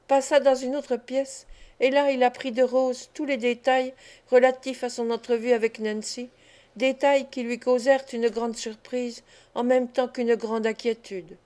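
An audiobook reader, a woman whose voice is on the high side, narrates a classic novel in a measured and expressive way.

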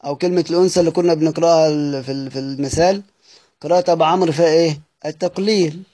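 High-voiced Egyptian man teaching. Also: rapid-fire, mellow, dry recording. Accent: Egyptian Arabic. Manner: explanatory, asks and answers his own questions. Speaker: Quran recitation teacher. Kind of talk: lecture to students.

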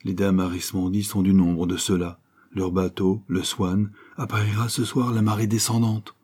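A man's voice: low-pitched, little pitch movement, darkish tone, breathy edge. Man doing a stout, flustered businessman. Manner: hurried, apologetic. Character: stout jovial middle-aged businessman.

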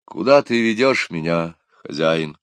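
A man's voice: low-pitched, lively intonation, a little slow, fairly bright tone, smooth, no room sound. A man voicing a timid, clumsy young male scholar who speaks hesitantly and apologetically.

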